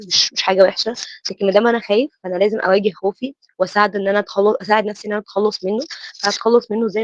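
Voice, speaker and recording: A woman's voice: mid-range voice, no room sound, muffled recording. A woman with an Egyptian Arabic accent giving a motivational self-help lecture, posing questions and answering them herself.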